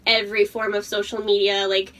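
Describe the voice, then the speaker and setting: A woman's voice: mid-range voice, flat delivery, fairly quick, fairly bright tone. A young adult woman telling a casual, sweary personal story to friends in a giggly, drunk manner. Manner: uses profanity freely. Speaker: storytime host. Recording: distant mic, faint background noise.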